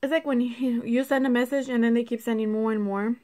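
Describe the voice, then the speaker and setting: A vlogger in her twenties eats and chats casually to her phone, set at arm's length on a table in a small room at home, chewing between rambling, filler-heavy phrases. Her voice is a little high, steady, fast and dark-toned, with background noise and clicks on the phone recording.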